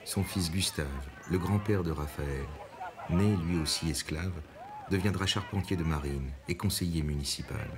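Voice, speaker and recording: Low-voiced male documentary narrator. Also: moderate pace, noisy background.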